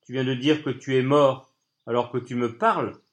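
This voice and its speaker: A man reading an audiobook, voicing a wise old man over 60 who speaks in a calm, grave, measured way. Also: medium pitch, close to an everyday voice.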